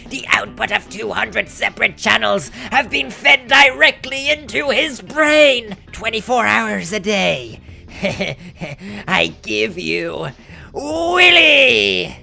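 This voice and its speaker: Woman playing a hammy, gravelly mad scientist. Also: a little high, slow, pushed and bright, faint music behind, heavily acted. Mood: gloating. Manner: hammy, grandiose stage-villain delivery. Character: maniacal male mad scientist bent on world conquest. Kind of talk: dramatic script reading.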